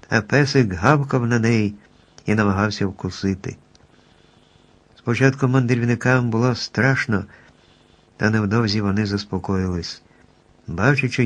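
A man reading a children's fairy-tale audiobook aloud in steady, expressive scripted narration. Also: fairly low pitch.

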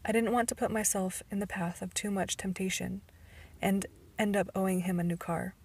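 Amateur female audiobook narrator, breathy tone, flat pitch, stumbles now and then. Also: moderate pace. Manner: occasional stumbles and restarts. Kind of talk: first-person novel narration.

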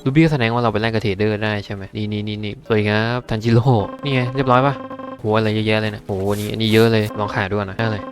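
A man giving casual let's-play commentary, thinking aloud and talking to his viewers. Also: on the low side. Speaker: gaming YouTuber. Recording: game music loud behind.

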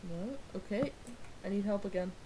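A woman's voice: mid-range voice, normal speed, background noise. A woman chatting playfully and teasing her friends while gaming. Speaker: gaming host. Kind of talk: casual gaming chat.

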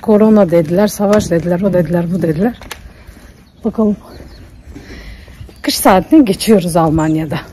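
A woman's voice: lowish voice, dark tone, a little hiss or hum. A woman chatting casually to the camera in a vlog, cooing at a dog now and then. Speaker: vlogger. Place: home kitchen and outdoors.

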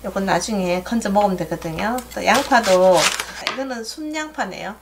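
A woman's voice: mid-range voice, normal speed, noisy background. Middle-aged Gyeongsang-accented woman, cooking host, chatty step-by-step kitchen talk, faint pots clinking behind. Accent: Gyeongsang Korean. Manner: chatty, homey step-by-step instructions. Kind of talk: home cooking demonstration. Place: home kitchen. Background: clinking dishes and pots.

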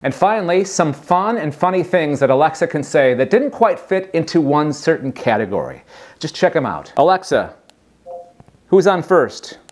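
Speaking at a moderate pace, a man with a slightly high voice shows off a voice assistant in a casual tech demo. Lively and amused, he keeps asking the device questions.

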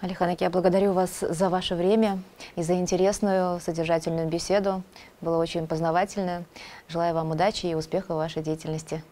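A woman in her thirties hosting a formal studio interview in a measured, polite way. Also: fairly low pitch, level tone, warm tone. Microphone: lapel.

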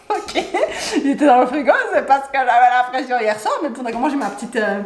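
A woman telling a personal story to her viewers in a casual vlog, animated and exasperated, often laughing. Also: high voice, brisk. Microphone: Rode microphone. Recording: roomy echo.

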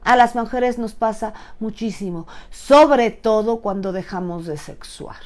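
A woman's voice: on the high side, measured pace. A middle-aged woman with a Mexican accent, hosting a frank, playful live talk as a sexuality educator. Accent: Mexican Spanish. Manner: animated, playful, frank and chatty.

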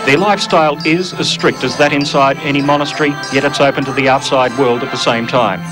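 A man's voice: medium pitch, fairly even intonation, brisk, over music, poor audio. Australian man reading wry news voice-over. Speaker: television reporter. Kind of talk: scripted news narration.

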